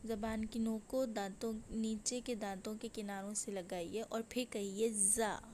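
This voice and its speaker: A woman's voice: medium pitch, fairly even intonation, warm tone, a little hiss or hum. A woman teaching Quran recitation, patiently explaining letter sounds and drilling syllables one at a time, often checking with her students. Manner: drills syllables slowly and repeatedly, checking "okay?". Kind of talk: pronunciation drill lesson.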